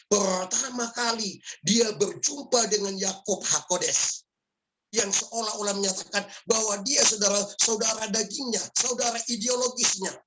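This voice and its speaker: A man's voice: sits high, noisy background. A male pastor giving a storytelling sermon, often addressing listeners as "my brothers and sisters".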